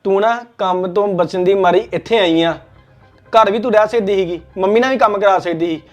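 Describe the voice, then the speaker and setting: A man's voice: high-pitched, fairly quick, faint music behind, lightly acted. An actor playing a hot-tempered young husband who barks bossy commands at his wife. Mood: angry, bossy. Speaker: actor in a family skit.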